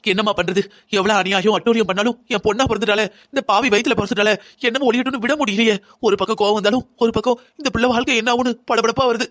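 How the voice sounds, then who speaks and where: A woman's voice: a little high, fairly even intonation, very fast, a bit bright, lightly acted. A woman voicing an anxious older mother-in-law in a cartoon drama, pleading, lamenting and scolding by turns.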